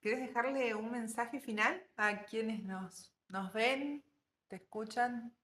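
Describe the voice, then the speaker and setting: A woman interviewing a guest, speaking in a relaxed way and completing his thoughts. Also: a little high, slow pace. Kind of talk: casual conversational interview. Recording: echoey room.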